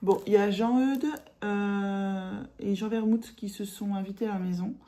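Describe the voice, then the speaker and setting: A woman's voice: mid-range voice, steady tone, normal speed, mellow. A woman chatting casually in a vlog about her embroidery, rambling with many fillers and restarts and sometimes dropping to a whisper. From France. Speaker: cross-stitch vlogger.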